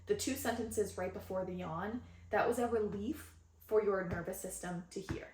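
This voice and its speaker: A woman's voice: medium pitch, moderate pace, darkish tone, reverberant, slight background noise. Earnest woman podcasting on a phone. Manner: earnest, meandering, frequent "right?". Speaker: podcast host and channeler. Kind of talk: spiritual podcast talk.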